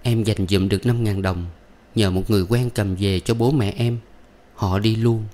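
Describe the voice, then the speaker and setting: A man voicing a sorrowful young woman who talks softly and bitterly. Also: on the low side, steady tone, normal speed, close to an everyday voice. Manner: soft, bitter.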